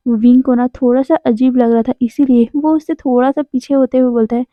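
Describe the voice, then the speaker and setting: A woman's voice: high voice, fairly even intonation, a little fast, no echo. Woman narrating a story, tinny dry sound. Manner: reads all dialogue in her own voice. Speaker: fanfiction narrator. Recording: dry tinny phone-like audio.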